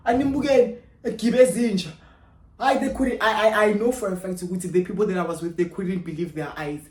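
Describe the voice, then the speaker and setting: A woman's voice: on the low side, quick pace. Young South African woman in an echoey room. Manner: expressive, mixes English with Zulu, swings between loud and hushed. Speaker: YouTuber. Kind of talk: animated storytime.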